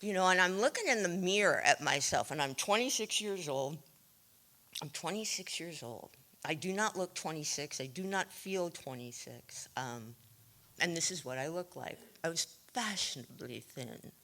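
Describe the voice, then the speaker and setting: A woman telling her own recovery story to a meeting, wry and self-deprecating, with frequent pauses and ums. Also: low voice, expressive, sharp tone. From California. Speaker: AA speaker sharing her story. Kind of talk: recovery share, candid storytelling.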